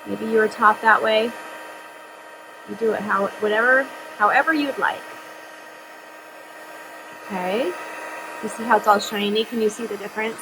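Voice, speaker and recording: A woman's voice: mid-range voice, normal speed, pauses often, noisy background. A middle-aged woman hosting a casual craft tutorial, chatty and upbeat, thinking aloud as she works.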